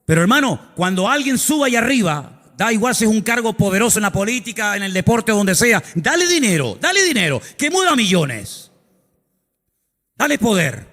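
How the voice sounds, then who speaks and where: Man, pastor, sermon, high voice, dramatic repetitions, long church-hall reverb. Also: big pitch swings, normal speed, bright, forceful tone. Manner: dramatic storytelling with emphatic repetitions and asides. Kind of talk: preaching a sermon.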